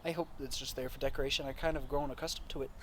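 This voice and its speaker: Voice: mid-range voice, fairly even intonation, rapid-fire, a little hiss or hum. Teen with dry, playful asides. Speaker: co-host. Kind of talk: casual chat.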